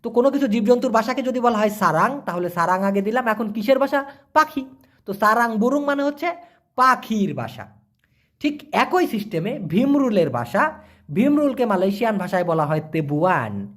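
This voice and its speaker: A man, answering viewer questions in a casual spoken lesson and repeating words slowly for learners. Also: high-pitched, a bit bright.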